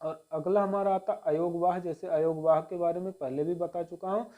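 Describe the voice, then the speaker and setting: A man teaching the Hindi alphabet, slowly sounding out each letter and repeating key points. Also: high voice, fairly even intonation, narrow, tinny audio. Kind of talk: Hindi grammar lesson.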